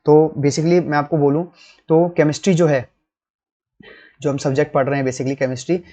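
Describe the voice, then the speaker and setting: Man teaching chemistry, higher voice. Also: steady tone, normal speed, dark tone. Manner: addresses students as kids, checks in with "theek" and "hai na". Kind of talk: classroom lecture to students.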